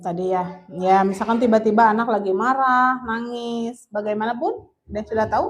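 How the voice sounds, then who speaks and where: A young woman leads a relaxed parenting talk for parents. She keeps her voice fairly high and chatty, switches languages freely, and acts out quotes with quick laughs. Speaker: parenting speaker at a parents' meeting.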